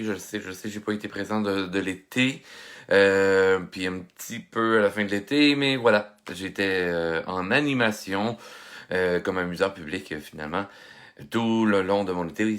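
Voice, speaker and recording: A lower-voiced man with a Québécois accent hosts a casual live tutorial on his phone. He sounds a little stuffy from a head cold and chats loosely, full of fillers and greetings to viewers. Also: a bit bright. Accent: Québécois French. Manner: chatty, greets viewers by name, many fillers. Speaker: art instructor hosting a live stream.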